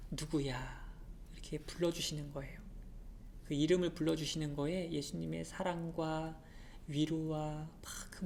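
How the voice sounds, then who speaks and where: Animated woman teaching children with a low voice, a faint hiss behind her. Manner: animated, expressive, asks children questions. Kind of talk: children's sermon storytelling.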